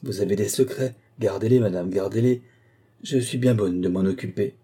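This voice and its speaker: Man putting on a bossy housekeeper woman, disdainful, higher voice, husky tone, audiobook reading. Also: moderate pace, dark tone. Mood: haughty. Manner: scolding, disdainful.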